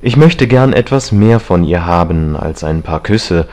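A man's voice: low voice, expressive, a little slow, a little mellow. A man reading an audiobook, voicing a vain, agitated young man who talks in a heated, raised voice. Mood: wistful.

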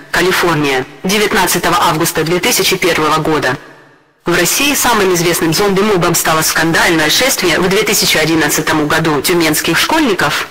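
A synthetic male text-to-speech voice reading an encyclopedia article in an even, mechanical way. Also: sits high, big-room sound, low-quality recording.

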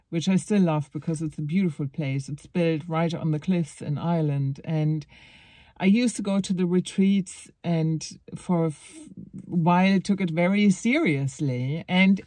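A woman's voice: fairly low pitch, mellow, no room sound, clean studio sound. A woman talking through her thoughts in a casual reflective monologue, hesitant and wry, with many restarts and sarcastic asides. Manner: rambling, hesitant, with frequent laughs and restarts.

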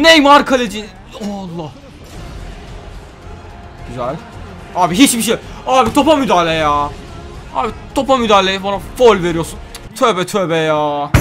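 A young man commentating his own football video game as he plays, excitable, shouting and groaning at every play. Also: high voice. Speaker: gaming YouTuber. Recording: faint game music behind.

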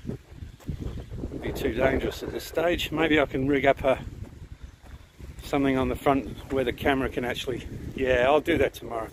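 This is casual travel vlog narration from a middle-aged man with an Australian accent, speaking to a handheld camera at arm's length beside a lake where he's camping. He has a mid-range voice at a moderate pace and pauses often, sounding relaxed, chatty, and easygoing. The recording is rough, with slight background noise.

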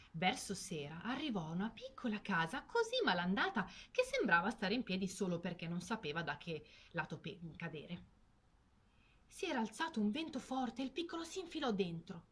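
Expressive woman telling a fairy tale. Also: mid-range voice, breathy edge. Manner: expressive, slow and lingering on words. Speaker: storyteller. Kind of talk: storybook narration for children.

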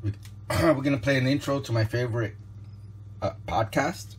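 At a kitchen counter indoors, a man reviews a product by unboxing it, offering tentative commentary as he thinks aloud. His voice is mid-range at normal speed, and the home recording is clearly noisy.

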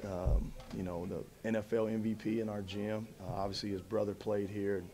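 Low-voiced coach, measured, faint hiss. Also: male voice, level tone, warm tone. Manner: measured, many fillers and restarts. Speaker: head basketball coach. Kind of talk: post-game press conference. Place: press conference room in front of a backdrop. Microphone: table mic in front of him.

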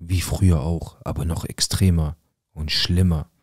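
A man's voice: sits low, fairly even intonation, a little slow, darkish tone, slightly rough, no room sound, clean studio sound. A young adult man telling his own painful life story in an intense, blunt, emotional way. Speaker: storyteller sharing a personal story. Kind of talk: personal storytelling.

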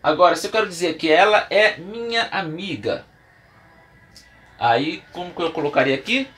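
A man's voice: high-pitched, expressive, normal speed, fairly bright tone. A man with a Brazilian Portuguese accent teaching English at a whiteboard, explaining patiently step by step with examples and writing as he talks. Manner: writes and erases on the board while talking. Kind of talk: classroom lesson. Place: room with a whiteboard.

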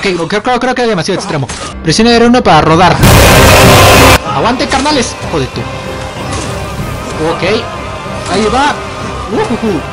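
A young Mexican-accented man narrates his gameplay in a high, bouncy voice that swings all over. He jokes in slang and yelps when scared. Game music plays clearly beneath him. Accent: Mexican Spanish. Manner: joking, slangy, easily startled. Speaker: gamer. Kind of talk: let's play commentary. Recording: game music playing behind.

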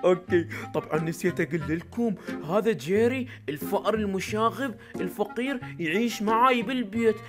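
Iraqi guy narrating a minecraft film, fast and playful, talks straight to viewers. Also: high-pitched, over music. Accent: Iraqi Arabic. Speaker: YouTuber narrating as the cat.

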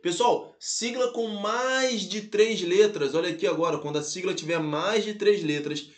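A Brazilian man teaching a grammar lesson online in a lively way, calling out to his students and spelling letters out slowly. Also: high-pitched, echoey room. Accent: Brazilian Portuguese. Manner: lively, addresses viewers as "galera" and "pessoal", spells letters out slowly.

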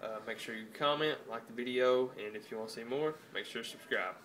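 A man's voice: medium pitch, brisk, fairly bright tone. A nineteen-year-old man casually vlogging at home into a phone camera, rambling with lots of fillers. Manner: laid-back, rambling with many "uh" fillers. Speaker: fitness vlogger. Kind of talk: casual vlog. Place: home room, indoors. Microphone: phone camera close up.

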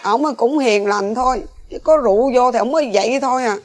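A woman's voice: fairly high pitch, fairly quick, slight background noise, lightly acted. A woman playing a worried middle-aged rural mother with a Southern Vietnamese accent, speaking anxiously and pleadingly in a TV reenactment drama. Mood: soothing. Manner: pleading, anxious, soft-spoken.

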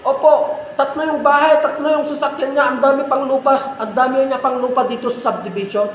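A man's voice: very high voice, steady tone, a little fast, roomy sound, a little hiss or hum, poor audio. A man preaching a sermon as a pastor, repeating phrases and asking rhetorical questions.

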